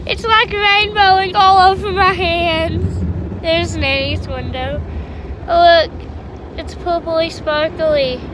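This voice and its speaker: A young woman vlogging from the back seat of a car in a car wash, excitable, squealing and laughing. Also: very high-pitched, slow. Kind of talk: casual vlog commentary. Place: inside a car going through a car wash. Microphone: phone camera held in the back seat. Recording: noisy car wash background.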